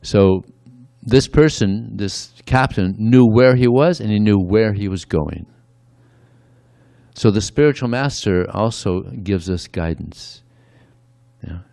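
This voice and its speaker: A man's voice: lowish voice, lively intonation, slow, creaky, warm tone, no echo, studio quality. A man giving a conversational devotional sermon, often adding "yeah" between points. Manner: conversational, frequent "yeah" asides. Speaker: speaker at a temple.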